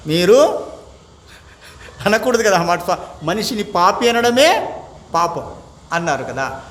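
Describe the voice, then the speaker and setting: A man teaching as a swami, giving a lively spiritual discourse full of rhetorical questions to his listeners and slowly chanted verses, with English words mixed into his talk. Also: high-pitched. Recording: echoey room, faint background noise.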